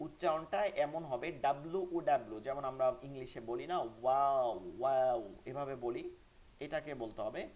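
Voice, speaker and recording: A man's voice: medium pitch, a little mellow, slight background noise. Man teaching with drilled repetitions. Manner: repeats sounds slowly for learners to copy. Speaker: Quran recitation teacher. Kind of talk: online class lesson.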